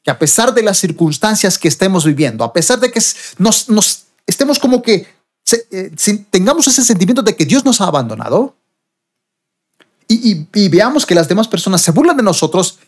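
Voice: mid-range voice, sing-song, brisk. A preacher from Bolivia, giving a sermon and reading scripture verses with rising emphasis.

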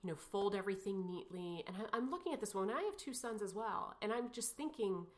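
A woman's voice: medium pitch, lively intonation, fast. A woman in her thirties telling an emotional personal story as an interview guest, rambling with many fillers and restarts.

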